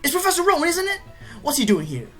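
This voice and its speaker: Lady doing a loud pushy rival kid, hyped and bouncy. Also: very high voice, fast, faint music behind, voice pushed up, exaggerated voice. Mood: eager. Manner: brash and excited. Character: cocky, impatient boy rival.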